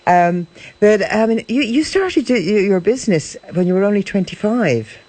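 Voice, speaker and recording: An Irish-accented woman hosts a radio interview in a medium-pitched voice. She speaks conversationally and hesitantly, often restarting and rewording her phrases. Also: expressive, moderate pace, mellow, no echo. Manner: hesitant, rephrasing.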